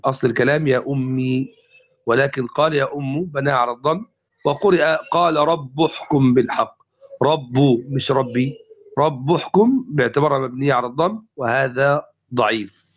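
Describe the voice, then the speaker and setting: A man's voice: mid-range voice, expressive, fairly quick. A male teacher giving a classical grammar lesson to a class, explaining step by step and repeating each example. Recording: dull lo-fi recording.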